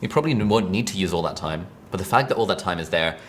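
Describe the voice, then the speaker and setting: Fast-talking deep-voiced British man teaching. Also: a little hiss or hum. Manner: relaxed, chatty, fast-talking. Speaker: online course instructor. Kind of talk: casual presenting to camera. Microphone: mic above speaker, seated at desk.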